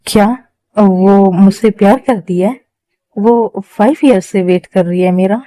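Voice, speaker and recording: Woman voicing an earnest young man, fan dub, low, dark voice, dry sound. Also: steady tone, a little slow, no room sound, lightly acted, poor audio. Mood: surprised. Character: young man, long-lost lover, surprised. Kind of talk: fan-made dubbed drama.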